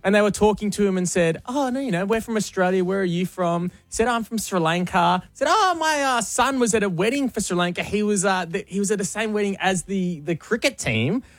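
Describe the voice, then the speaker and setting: A man on a radio show excitedly telling a coincidence story. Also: high-pitched, a little fast, hardly any pauses, dry recording. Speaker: radio co-host. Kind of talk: casual radio chat.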